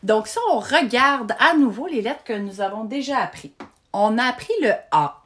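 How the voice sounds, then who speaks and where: A woman teaching young children to read letters, talking slowly and patiently and praising often. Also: a little high, expressive, fairly bright tone. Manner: slow and patient, spelling out letters with frequent praise. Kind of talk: slow, encouraging children's reading lesson.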